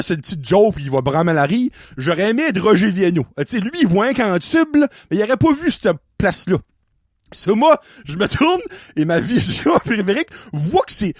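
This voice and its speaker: A man with an Acadian French accent hosting a podcast and telling a story in a casual monologue. He is animated, laughs often and drops English words into his speech. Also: sits high, no echo, clean studio sound. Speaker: podcast host.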